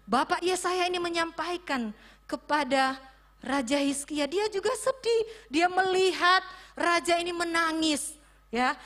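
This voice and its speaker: A woman teaching a children's church service, telling a Bible story in an animated way and asking the children questions. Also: very high-pitched. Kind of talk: sermon for children.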